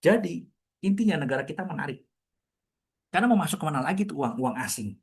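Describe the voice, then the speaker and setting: A man talks through market ideas in relaxed conversation, throwing out questions and answering them himself. His voice sits somewhat higher than most men's and his words come quickly. He sounds like a commentator addressing a room of listeners. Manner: chatty, explaining with rhetorical questions. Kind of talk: casual market talk to an audience.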